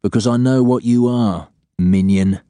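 A man voicing a calm, menacing male interrogator in an audiobook, conversational, steady and controlled. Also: medium pitch, measured pace, dry recording, clean studio sound, lightly acted. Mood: amused, cold. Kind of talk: dramatised audiobook dialogue.

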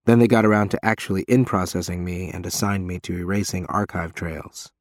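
A man's voice: low-pitched, fairly even intonation, a little fast, dry recording, clean studio sound. A man reading first-person fiction as a scripted audiobook narration.

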